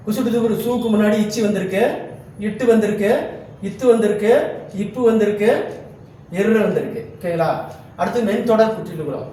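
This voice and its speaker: A man's voice: high-pitched, darkish tone, slight background noise. A man teaching a grammar lesson for exam students, going through examples one by one and often stopping to check that the class is following. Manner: repeats a checking question after each point. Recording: very echoey room, voice from far off.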